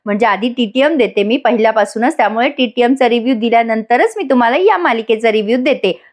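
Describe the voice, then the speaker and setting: Give me a chatty woman with a fairly high voice reviewing a TV serial for viewers. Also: fast talker. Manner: chatty, laughs often, addresses viewers. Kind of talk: voice-over episode recap.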